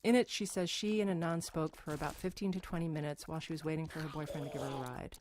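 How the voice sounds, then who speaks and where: Low-voiced woman narrating an investigation. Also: steady tone, a little mellow, slight background noise. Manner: measured, wry storytelling. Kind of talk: scripted podcast narration.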